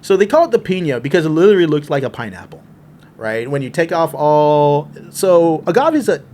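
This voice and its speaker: A man's voice: a little high, big pitch swings, a little mellow, a little hiss or hum. Joking man hosting a whiskey podcast. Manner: joking, rambling, quick bursts of explanation. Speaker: podcast host. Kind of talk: casual whiskey review chat.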